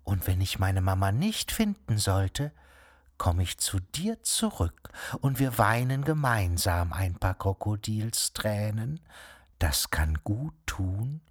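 A woman doing a gentle little snake. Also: a bass voice, very animated, slow, husky, full character voice. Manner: soft, gentle and reassuring. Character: young small snake, gentle and kind.

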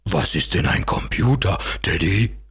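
A curious little polar bear cub , voiced by a man, asks his questions gently and with wonder. The voice stays low and husky and moves slowly. It is a children's audio story. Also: animated, full character voice.

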